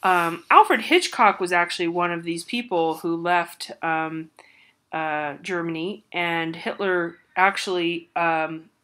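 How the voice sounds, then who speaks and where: A woman's voice: on the low side, takes it slowly, fairly bright tone. A woman giving a recorded art history lecture with hiccups, talking loosely with many fillers and restarts.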